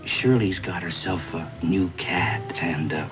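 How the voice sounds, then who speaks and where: A middle-aged American actor playing a self-important, laid-back beatnik club owner who jive-talks in rambling hipster slang in a 1950s TV drama. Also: male voice, sits low, unhurried. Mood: confiding. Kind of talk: 1950s television drama acting. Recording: dull vintage TV soundtrack, music behind.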